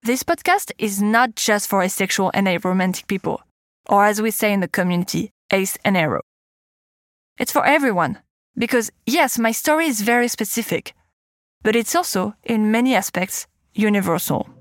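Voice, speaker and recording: A woman's voice: medium pitch, lively intonation, moderate pace, no room sound, clean studio sound. A woman in her thirties with a French accent, host of a podcast, telling her own story in candid scripted narration. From France. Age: 30s.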